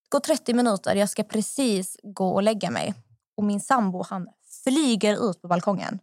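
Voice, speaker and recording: A young woman hosting a podcast, telling a personal story in a lively, animated way. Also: mid-range voice, dry recording, clean studio sound. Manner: animated anecdote-telling, acts out what others said. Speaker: podcast host. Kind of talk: casual storytelling.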